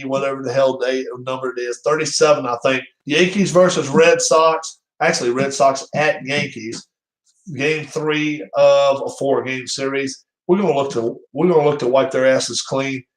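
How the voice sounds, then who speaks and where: Rambling, jokey man in an echoey room. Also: medium pitch. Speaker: channel host. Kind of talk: casual live-stream chat. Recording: roomy echo.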